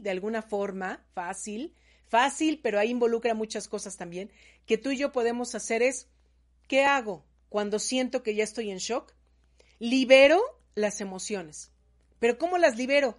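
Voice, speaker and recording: A woman, a therapist speaking straight to the listener, animated and emphatic as she gives advice. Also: a little high. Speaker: energy healing therapist. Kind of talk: talk to camera giving advice.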